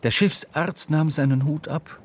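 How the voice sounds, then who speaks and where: A man's voice: on the high side, steady tone. Man narrating a radio drama. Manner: measured literary storytelling. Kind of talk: scripted narration.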